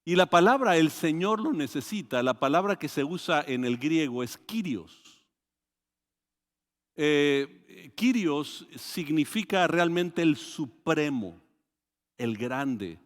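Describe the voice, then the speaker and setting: A man with a Mexican Spanish accent preaching a sermon, animated and full of restarts, acting out quoted voices with sudden loud rises. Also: a little high, slow. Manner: hesitant restarts and repeated words. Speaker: pastor. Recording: long hall reverb.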